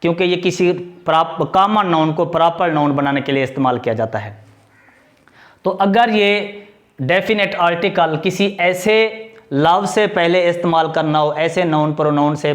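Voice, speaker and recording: A man's voice: a little high, normal speed. A man teaching a video grammar lesson, patiently explaining and repeating key points, asking questions and answering them himself. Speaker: English teacher.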